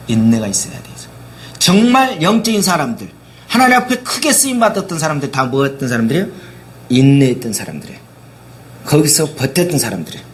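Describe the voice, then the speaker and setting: A man's voice: high voice, fairly bright tone. A man preaching a sermon as pastor, constantly asking his listeners rhetorical questions and dramatically acting out the words of biblical figures.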